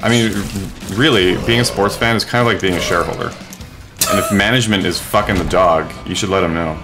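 A man's voice: low voice, fairly even intonation, brisk, music in the background. A man co-hosting a let's play, chatting in a dry, laid-back way while he plays. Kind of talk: casual gameplay banter.

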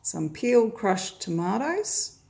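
A friendly middle-aged Australian woman vlogs a grocery haul at home, filming the table from above with her phone and using lots of "uh" fillers as she chats. Her mid-range voice is very animated yet slow and gravelly, and the background is noisy.

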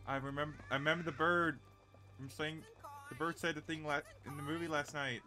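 A man's voice: on the high side, steady tone, fairly quick, pushed and bright, faint music behind. A young man chatting casually as he streams a game. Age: young adult. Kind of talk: casual gaming chat.

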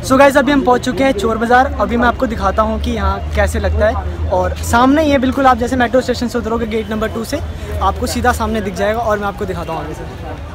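A man's voice: sits high, fast talker. A young man talking straight to his viewers in a casual vlog, filmed on a phone held at arm's length at an outdoor street market. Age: young adult. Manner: chatty, addresses viewers directly. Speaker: vlogger. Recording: loud crowd and music around.

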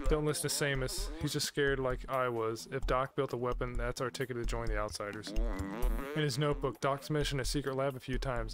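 A man hosting a gaming video, reading the game's dialogue aloud as he plays. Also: mid-range voice. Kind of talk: reading game dialogue aloud during let's play.

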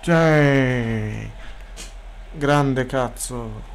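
A man streaming a sports video game, chatting casually, swearing freely and bursting into loud excited shouts. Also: mid-range voice, extremely slow, slight background noise. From Italy. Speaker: gaming streamer. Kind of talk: casual gameplay commentary.

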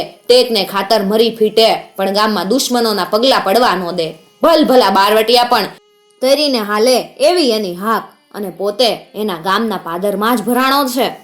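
A woman's voice: medium pitch, a bit bright. A woman storyteller, narrating a dramatic folk tale in a vivid, rhythmic way. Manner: vivid, rhythmic telling with recited couplets.

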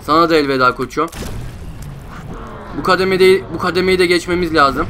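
A man's voice: on the high side, normal speed, pushed and bright, a little hiss or hum. A young man giving frustrated gameplay commentary, groaning and repeating himself. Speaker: gameplay streamer.

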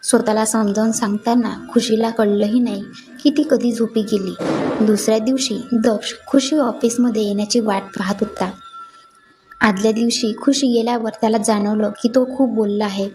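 A woman narrating a romantic story in a steady, even reading voice. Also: a little high, moderate pace, soft background music.

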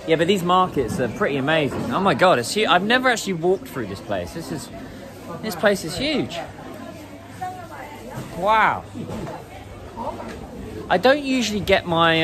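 An English man in his thirties chatting casually as he walks through a market, filming on a phone at arm's length. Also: on the high side. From England. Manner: chatty, rambling, laughs often. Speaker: vlogger. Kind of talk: casual walking vlog. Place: busy indoor food market. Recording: noisy crowded market ambience. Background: crowd chatter and market noise.

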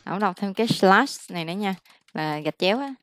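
A woman, tutoring English casually, explaining slowly and repeating words for practice. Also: mid-range voice, expressive, a bit bright, dry recording. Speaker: English teacher.

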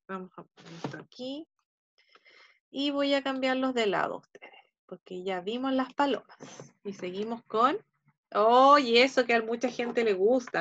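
A Chilean woman teaching first graders in an online class, explaining patiently and slowly to small children. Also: fairly high pitch, a bit bright. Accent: Chilean Spanish. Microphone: video call. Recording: dull lo-fi video call audio.

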